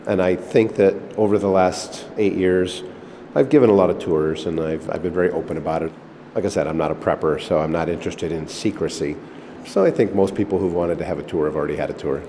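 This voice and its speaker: A middle-aged man who owns an old missile silo, talking in a relaxed, rambling way with fillers, recorded inside a concrete chamber. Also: low voice, fairly quick. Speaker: missile silo owner giving a tour. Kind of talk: casual conversational interview. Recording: echoey concrete chamber, faint background noise.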